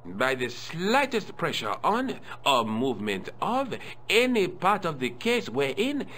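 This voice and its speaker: Fussy, theatrical museum custodian for an adventure game; high and very animated. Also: male voice, measured pace, a little hiss or hum, heavily acted. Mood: haughty. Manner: haughty, theatrical, self-important. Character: pompous fussy French male museum deputy custodian. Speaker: museum guard character. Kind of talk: video game voice acting.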